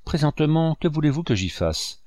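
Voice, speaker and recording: A man's voice: a little high, big pitch swings, normal speed, a little mellow, no room sound, studio quality, pitched above the performer's own voice. A man voicing a devoted, outspoken female servant who speaks firmly and protectively, reading a French novel aloud. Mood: earnest. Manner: firm, protective, slightly scolding.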